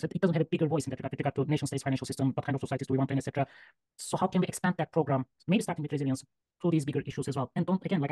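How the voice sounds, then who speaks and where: Fast, earnest man on a video call. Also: a little high, darkish tone, dry recording, poor audio. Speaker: guest speaker, human geographer. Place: room with bookshelves, indoors. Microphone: laptop webcam video call.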